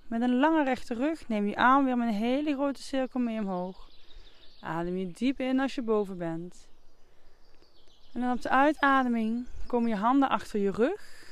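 A yoga instructor guiding movement and relaxation in a calm, soothing, unhurried manner. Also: mid-range voice, clear, resonant tone, no room sound.

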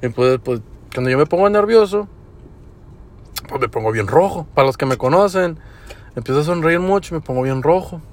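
A young man with a Mexican Spanish accent hosts a casual podcast and tells work stories. His talk is slangy, crude and relaxed. His voice sits a little high for a man. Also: fairly quick, pauses often. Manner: slangy, crude, laid-back. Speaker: podcast host. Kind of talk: casual storytelling.

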